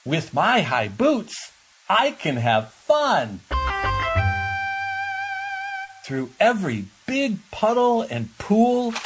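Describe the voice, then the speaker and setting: A storybook reader voicing an excited young boy in a high, eager voice. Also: heavily acted, low-quality recording. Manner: eager and shouting.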